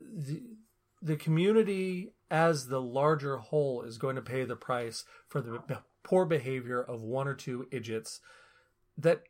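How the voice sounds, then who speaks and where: A man's voice: medium pitch, a little slow, a little mellow, a little hiss or hum. A man co-hosting a podcast, chatting casually and throwing in wry, sarcastic remarks. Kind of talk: casual chat.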